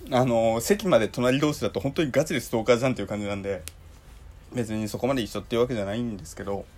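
A young man with a hoarse, dry throat and a Kansai accent, telling a story in a chatty solo podcast full of fillers. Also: mid-range voice, a little mellow. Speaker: podcast host. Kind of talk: casual solo talk.

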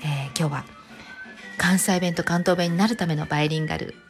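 A woman's voice: a little fast, soft background music. A woman from Kansai, talking casually as host of her own channel, chatty and full of fillers. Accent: standard Tokyo-style Japanese. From Kansai, Japan. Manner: chatty, many fillers, lively pitch. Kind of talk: casual solo talk.

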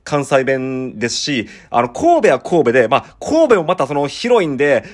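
A man's voice: medium pitch, sing-song, moderate pace. Chatty Kansai-accented man in his thirties. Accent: western Osaka Kansai dialect. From Osaka, Japan. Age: 30s. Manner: chatty, rambling explanations. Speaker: podcast host and musician. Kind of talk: casual solo talk reading listener letters.

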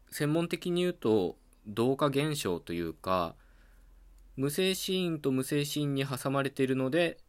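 A man hosting a podcast, explaining language points in a calm, patient, teacherly solo talk, often pausing on a filler between ideas. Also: medium pitch. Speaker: podcast host.

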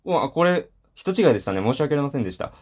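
A man's voice: medium pitch, very animated, very fast. A man hosting a casual solo talk show, rambling with many fillers and self-deprecating asides. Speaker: solo podcast host.

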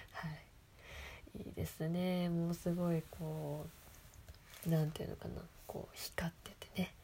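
Woman, soft whisper, giggly, lowish voice, faint background hiss. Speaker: host of a reading segment. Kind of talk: whispered reading and commentary.

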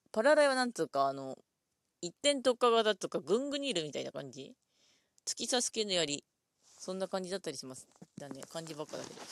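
A woman talking alone in a casual, rambling way, full of fillers, thinking aloud at her computer and drifting into quiet mumbles. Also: on the low side, no room sound. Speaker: solo podcast host.

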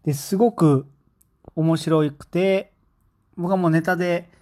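A man's voice: a little high, steady tone, a little slow, warm tone. Rambling man in a solo talk. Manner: rambling, many fillers; enthusiastic fan. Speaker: podcast host.

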